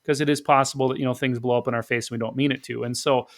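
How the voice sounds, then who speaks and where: A man's voice: medium pitch, little pitch movement, rapid-fire. A man co-hosting a casual discussion podcast, explaining his points methodically. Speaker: podcast co-host.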